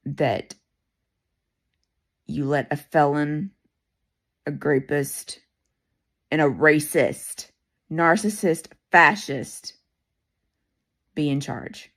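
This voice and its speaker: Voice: mid-range voice, takes it slowly, vocal fry, pauses often, a bit bright. A speaker in an indignant social media rant, declaiming each charge.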